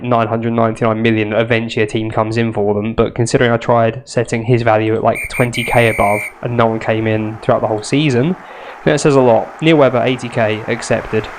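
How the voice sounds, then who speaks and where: Nasal and stuffed up from a cold, a young male gaming YouTuber chats wryly through a football management game in casual let's-play commentary. His medium-pitched voice comes with background noise, and he's chatty and self-mocking, full of wry asides.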